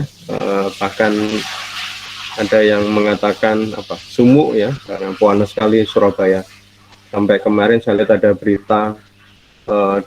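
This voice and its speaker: There's slight background noise behind this middle-aged man's low, somewhat mellow voice as he lectures a university class online from home. He sounds congested and nasal from a cold, staying chatty and friendly with frequent laughs and drawn-out fillers. The sound quality is that of a dull, lo-fi online call.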